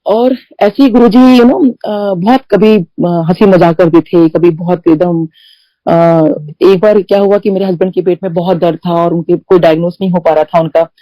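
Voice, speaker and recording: A woman's voice: lowish voice, steady tone, normal speed, warm tone, no echo, low-quality recording. A middle-aged woman shares personal experiences in a chatty devotional talk, often slipping English phrases into her speech. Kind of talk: spoken testimony in a satsang.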